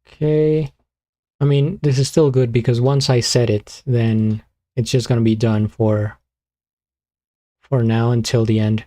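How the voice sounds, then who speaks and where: A man streaming live, chatting casually and muttering to himself as he fiddles with his streaming software. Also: medium pitch, flat delivery, unhurried, pauses often. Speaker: beatbox streamer.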